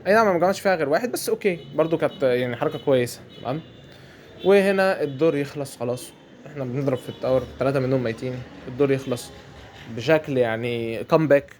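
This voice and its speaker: Fast-talking Egyptian man commenting on gameplay. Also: mid-range voice, slight background noise. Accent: Egyptian Arabic. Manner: fast, chatty, repeats phrases, colloquial. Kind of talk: mobile game commentary over gameplay.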